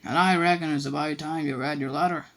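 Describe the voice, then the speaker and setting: A man's voice: on the high side, steady tone, fast talker, a bit bright. A man voicing a huge, kind-hearted giant of a man who talks bluntly and folksily. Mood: proud. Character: huge gruff kindly man, rough-spoken giant.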